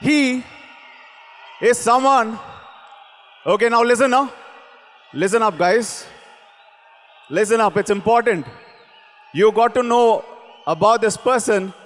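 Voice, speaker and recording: A man hosting an event in a booming motivational speech style, commanding and exhorting with shouted calls and repeated phrases. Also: slow, pauses often. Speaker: event host introducing a speaker. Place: large event hall on stage. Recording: long hall reverb.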